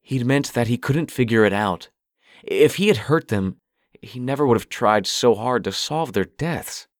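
A man's voice: medium pitch, animated, unhurried, dry recording, voice pushed up, lightly acted. A man voicing an earnest adult man who keeps asking questions in an audiobook. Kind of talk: audiobook character voice. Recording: dry close recording.

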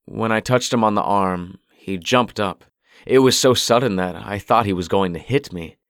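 Man voicing a guarded detective, low voice, measured, somber, audiobook, dry. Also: fairly bright tone, dry recording. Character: guarded adult male police detective. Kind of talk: audiobook character voice. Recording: dry close recording.

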